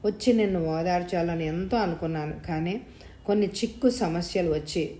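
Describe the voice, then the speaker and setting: A woman reading the lines of a young husband in an audio story, soft and soothing. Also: on the low side, normal speed, slight background noise, lightly acted. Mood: tender. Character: young husband, tender and consoling. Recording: roomy echo.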